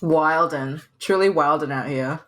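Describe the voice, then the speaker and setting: Animated woman telling stories. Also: low voice, measured pace. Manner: animated storyteller, acts out quotes, swears freely. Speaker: podcast co-host. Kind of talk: casual chat.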